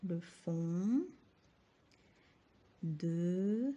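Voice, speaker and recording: Slow-spoken woman teacher, soft and dark. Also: on the low side, lively intonation, muffled recording. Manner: slow, syllable-by-syllable dictation, often dropping to a whisper. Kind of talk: handwriting lesson for children.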